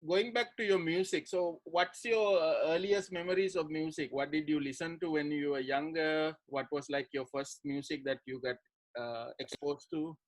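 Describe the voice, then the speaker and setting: A man's voice: a little high, steady tone, moderate pace, low-quality recording. A male host interviewing a musician in casual chat, friendly and laughing, with many fillers in his questions.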